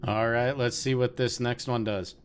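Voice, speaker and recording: A man hosting a let's play, chatting casually to viewers about his game and getting easily excited. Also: mid-range voice, normal speed, a little hiss or hum. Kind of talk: casual gameplay commentary.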